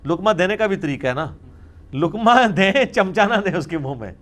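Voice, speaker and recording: A man's voice: high-pitched, animated, fairly bright tone. A man with a Pakistani Urdu accent, a scholar answering questions in a religious lecture recorded in a studio, explaining points emphatically with wry asides and English words mixed in.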